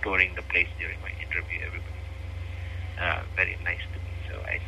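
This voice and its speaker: A man's voice: low voice, completely flat delivery, quick pace, vocal fry, noisy background. A man in his thirties from Nepal with a Nepali accent, a physician guest speaking earnestly in an interview, with many fillers.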